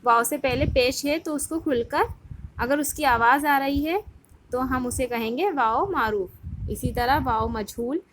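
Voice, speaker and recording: A woman's voice: sits high, slight background noise. A woman teacher giving a recorded grammar lesson to children, patiently asking the class questions and answering them herself. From India. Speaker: school Urdu teacher.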